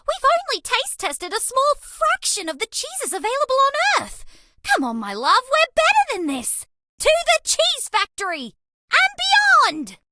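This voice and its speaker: Brie, high bright excitable alien girl. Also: no room sound, studio quality, heavily acted. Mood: playful, eager. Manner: bubbly, playful, dramatic, swinging from exclaiming to coy. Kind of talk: animated game character voice lines.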